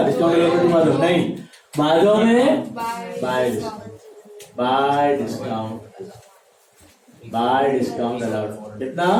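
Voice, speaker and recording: A man's voice: sits high, warm tone, slight background noise. A male teacher giving a classroom lecture, drilling steps by repeating them and quizzing his students. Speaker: commerce teacher. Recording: echoey classroom mic from far off.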